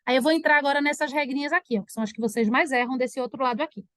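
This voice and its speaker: A woman teacher giving an online grammar lesson, animated and acting out her students' questions. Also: high voice, racing, no echo, clean studio sound.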